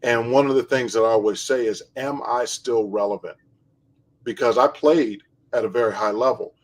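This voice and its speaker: A man with a mid-range voice hosts a casual interview. He speaks in a measured, reflective way as he puts questions to his guest. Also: mid-range voice, low-quality recording. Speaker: show host, basketball trainer.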